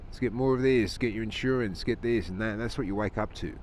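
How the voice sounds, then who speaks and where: A man with a lowish, slightly mellow voice talks briskly from inside his motorcycle helmet while riding outdoors. He's a motovlogger on a casual, rambling, opinionated rant, chuckling and conversational throughout. Engine and traffic noise come through the helmet mic.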